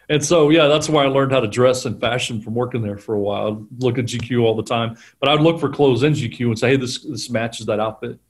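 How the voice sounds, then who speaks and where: Lively middle-aged man telling sales stories. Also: medium pitch, a little fast. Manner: animated storyteller, acts out quotes, laughs often. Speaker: guest, sales trainer. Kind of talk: conversational storytelling interview.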